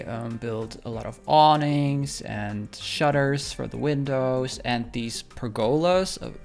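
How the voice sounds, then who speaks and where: Over footage of a home-building game, a man with a creaky mid-range voice hosts a speed-build video. He talks casually, sounding friendly and apologetic, with many ums.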